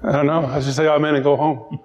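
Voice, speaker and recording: A middle-aged minister with a Newfoundland English accent gives an informal, joking children's-time sermon from the pulpit of a church sanctuary, chatty and full of quick asides. His voice is fairly high, level, and darkish, captured in lo-fi sound with a long reverb tail.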